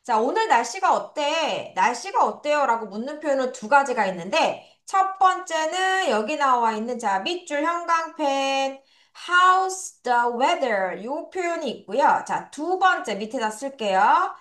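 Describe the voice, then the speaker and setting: A woman's voice: high-pitched, animated, normal speed, few pauses, fairly bright tone. A young adult woman teaching English to children in a recorded lesson, friendly, drilling pronunciation with repeat-after-me. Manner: friendly, addresses students as friends.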